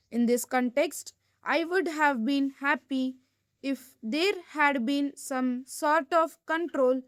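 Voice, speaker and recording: A woman reading dictation for shorthand practice in deliberate, measured phrases with pauses between them. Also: high voice, no echo, clean studio sound.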